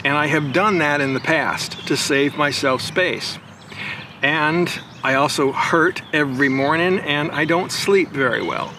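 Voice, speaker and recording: An older motorcycle vlogger goes through his camping gear outside on his backyard lawn, his fairly high voice moving a little slowly. Noise fills the background as he explains things conversationally, step by step, circling back with "right" and "again."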